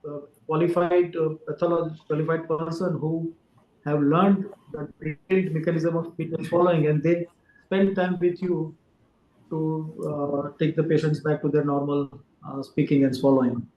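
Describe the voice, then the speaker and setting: A man, a doctor calmly explaining to an interviewer with frequent fillers. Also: a little high, moderate pace, lo-fi sound, a little hiss or hum. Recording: roomy echo.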